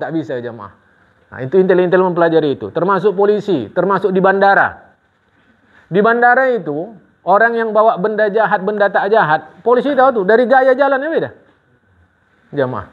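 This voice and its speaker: Male religious teacher preaching, lively, asks questions n answers them, kinda high voice, tinny phone-ish sound. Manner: animated, rhetorical questions to the congregation. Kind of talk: sermon.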